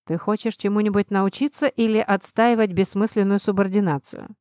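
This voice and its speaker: A woman reading an audiobook, voicing a self-assured young male student leader who lectures calmly and commandingly. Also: medium pitch, fairly quick, no room sound, clean studio sound, natural voice. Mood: lecturing. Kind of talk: audiobook narration.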